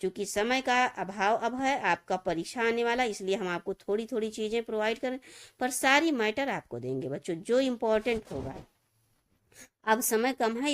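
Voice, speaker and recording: A woman Hindi grammar teacher giving a video lesson, reading misspelled words and then their right forms, and often addressing her students as children. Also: medium pitch. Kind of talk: classroom-style video lesson.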